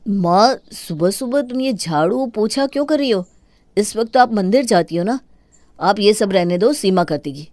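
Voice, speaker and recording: A woman voicing an angry young man who scolds and shouts at his wife for his mother's sake in a cartoon. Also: medium pitch, lively intonation, normal speed, no echo, close to an everyday voice. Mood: scolding.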